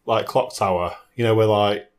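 Speaking at normal speed with a fairly low pitch and fairly even intonation, this film and game reviewer chats casually with one other person. He drifts a bit as he searches for the right words.

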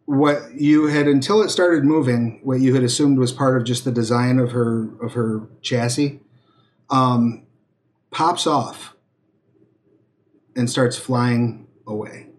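A man running a tabletop game as game master, narrating in an unhurried way with many ums. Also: medium pitch, steady tone. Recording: noisy home recording.

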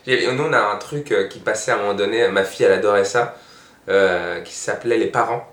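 A man's voice: on the low side, fairly quick, fairly bright tone. A middle-aged man, a stand-up comedian, chatting casually as a guest and telling stories in a rambling way with many restarts. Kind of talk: casual chat. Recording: echoey room.

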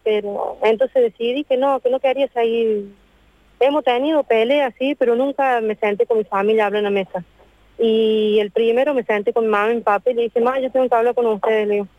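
This is an emotional radio phone interview: an Argentine Spanish-accented woman in her thirties speaks in a fairly high, steady voice with no echo, heard through a phone on a dry, tinny line. She is distraught, telling her story in long rushed stretches and saying the same things over.

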